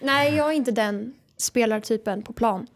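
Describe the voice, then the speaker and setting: En ung kvinna med ganska ljus röst sitter som gäst i en podd. Hon berättar livligt och härmar gärna vad andra sa. Samtalet är avslappnat och vardagligt. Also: female voice, on the high side. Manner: lively anecdote telling, acting out what others said. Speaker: podcast guest, footballer. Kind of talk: casual chat.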